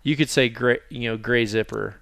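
A man talking casually as a podcast host, drifting through rambling, self-deprecating thoughts full of fillers. His voice is gravelly yet smooth and resonant, and it sounds dry and close to the mic. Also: mid-range voice, normal speed, fairly bright tone, no echo. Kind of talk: casual chat.

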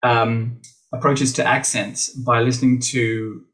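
A man's voice: mid-range voice, little pitch movement, takes it slowly, a bit bright, rough recording. An Australian man, an actor and voice teacher, talking through ideas in a podcast interview with many restarts, acting out the teachers he quotes. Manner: thoughtful, full of restarts, acts out quoted teachers.

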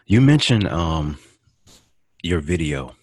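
A male podcast host asking questions hesitantly, with many pauses and ums. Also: low voice, very animated, a little mellow, husky, no room sound. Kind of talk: podcast interview.

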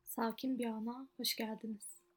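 A woman softly narrating a guided relaxation meditation in a soothing, unhurried way, with long pauses between short phrases. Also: a little high, level tone.

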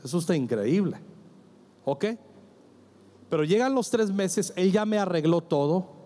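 A man's voice: high voice, lively intonation, measured pace, warm tone. A man preaching a sermon as a pastor, emphatic and calling on the congregation to answer him. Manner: emphatic, acts out quoted dialogue, asks congregation to answer. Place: church with congregation.

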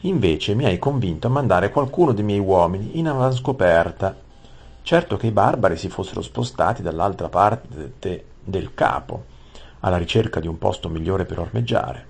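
A man voicing a hot-tempered young prince who shouts and rants. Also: deep voice, expressive, normal speed, gravelly, husky, exaggerated voice. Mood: furious. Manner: shouting, ranting.

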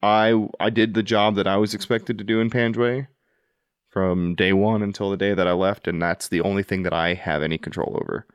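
A man with a deep, low voice speaks in an earnest, reflective way, often restarting his sentences. He sounds dry and close, like a podcast host at the mic. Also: fairly even intonation, fairly quick, clear, resonant tone, dry recording. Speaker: podcast host, Army veteran. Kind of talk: casual conversational interview.

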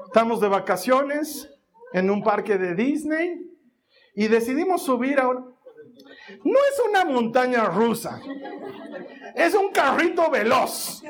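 A man preaching a sermon, telling a family story and acting out every voice in it. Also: extremely high pitch. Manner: animated storytelling, acts out voices.

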